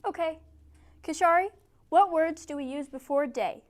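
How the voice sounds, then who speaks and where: High-pitched young woman teaching a little esl class, clear and encouraging, picked up from across the room. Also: moderate pace. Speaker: ESL tutor. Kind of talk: teaching a small group lesson.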